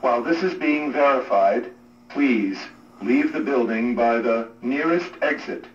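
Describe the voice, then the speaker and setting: A man giving a calm, measured prerecorded emergency announcement over a public address loudspeaker. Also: mid-range voice. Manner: calm, measured, even delivery. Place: hotel corridor. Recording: echoey, muffled loudspeaker from far off.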